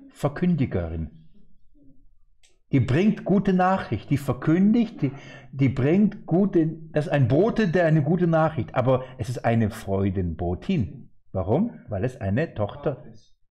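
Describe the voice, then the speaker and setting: Guy preaching a sermon, warm mellow voice, lively and emphatic, keeps throwing questions at the crowd. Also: medium pitch. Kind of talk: sermon, Bible exposition.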